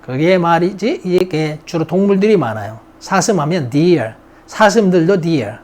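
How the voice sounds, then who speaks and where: Lively English-grammar teacher, slow drills. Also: mid-range voice. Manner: drills vocabulary, repeats words, chats to students. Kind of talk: recorded classroom lesson.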